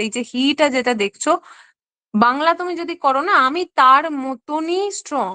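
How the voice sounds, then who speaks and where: A woman's voice: high-pitched, bright, forceful tone. A woman teaching an online exam-prep lesson. She explains step by step and keeps checking in with her students.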